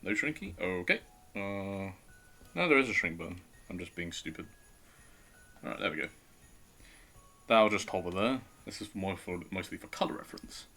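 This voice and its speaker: A man with a very low voice streams live, talking to himself and his viewers as he draws. His delivery swings up and down a lot and has a bright, forward edge, with a chatty, self-deprecating manner. Soft music plays faintly behind him. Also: expressive, moderate pace, long pauses. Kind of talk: casual live-stream commentary while drawing.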